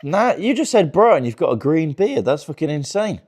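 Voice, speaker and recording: A man's voice: fairly high pitch, very animated, moderate pace, a little mellow. A man in his twenties doing crude, teasing crowd work as a stand-up comedian in a virtual-reality show. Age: 20s. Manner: crude, teasing, laughs often.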